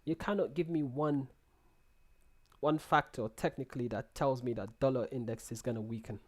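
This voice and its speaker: In a mid-range voice with fairly even intonation and normal speed, a young man chats casually on his live trading stream. He's in a small room speaking into a headset, working through viewer comments with many restarts and repeated words.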